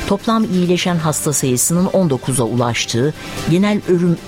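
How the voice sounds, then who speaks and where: Formal news reader, measured delivery, bit of music behind. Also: mid-range voice, a little mellow. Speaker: news and traffic bulletin announcer. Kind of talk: formal scripted news reading.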